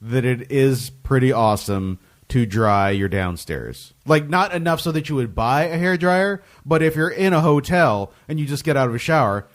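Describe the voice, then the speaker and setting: A man's voice: mid-range voice, moderate pace. Joking man explaining science on a podcast. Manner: animated, jokey, explains science loosely. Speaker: podcast co-host. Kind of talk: casual comedic science chat.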